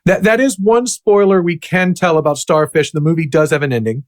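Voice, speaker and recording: A man hosts a podcast, thanking his guest and then reading earnest announcements. His voice sits a little high, and he sounds sincere. The recording is dry and close. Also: brisk, no room sound. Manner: earnest, pleading when giving the hotline. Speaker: podcast host. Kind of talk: interview and scripted announcements.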